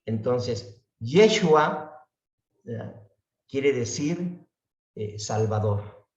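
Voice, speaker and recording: A man leads an unhurried Bible class, checking in with his listeners and stretching out each word he repeats. His voice sits far from the microphone in an echoey church room, and the recording is dull. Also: medium pitch, dark tone. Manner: unhurried, often asks "¿verdad?" and draws out words he repeats. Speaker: Bible study teacher. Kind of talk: slow Bible class explanation.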